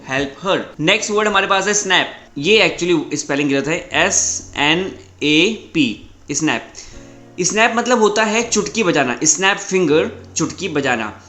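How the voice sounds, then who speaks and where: A man teaching English vocabulary in a methodical lesson, repeating each word and saying the English examples slowly. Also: fairly high pitch, animated, bright, forceful tone. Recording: roomy echo with faint background music.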